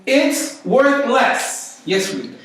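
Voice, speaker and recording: A man with a Guatemalan, Central American accent teaches a small Bible study group informally, using rhetorical questions and repetition for emphasis in a conversational way. His voice is extremely high-pitched with big swings, slow and fairly bright. The echoey indoor room is recorded on a distant mic with faint noise.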